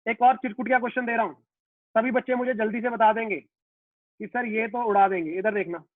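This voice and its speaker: High-voiced man teaching physics online. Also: steady tone, no echo. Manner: coaxing, plays both teacher and student in quick back-and-forth. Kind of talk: live online class lecture. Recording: dry, phone-like narrow sound.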